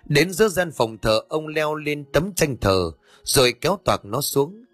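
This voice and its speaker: A male narrator tells a ghost story in a steady voice with a husky grain. The recording is dry and close, with faint music underneath. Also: a little high, measured pace, no room sound. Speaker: audiobook narrator.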